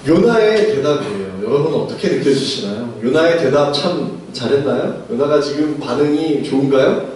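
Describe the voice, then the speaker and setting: A man's voice: medium pitch, lively intonation, normal speed, a little mellow, distant mic, a little hiss or hum. A male pastor giving a conversational sermon, posing rhetorical questions to his congregation. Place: church sanctuary. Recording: echoey church recorded from afar.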